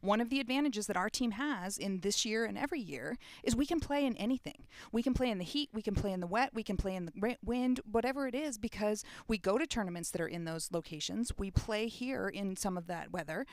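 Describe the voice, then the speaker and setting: A woman's voice: medium pitch, expressive, no room sound. A middle-aged woman, a compliance officer, chatting casually as a guest on a sports radio show and laughing at her own slips. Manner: quick, chatty, laughs at herself.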